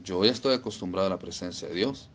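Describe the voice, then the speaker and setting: A man's voice: deep voice, fast talker. A man preaching a sermon, emphatic and repeating phrases for stress.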